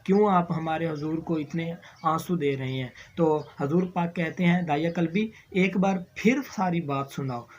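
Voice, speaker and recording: A man's voice: fairly high pitch, moderate pace, hardly any pauses. A man with a Pakistani Urdu accent hosting a show, earnestly and emotionally telling a religious moral story. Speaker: show host. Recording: slightly dull recording with faint background noise.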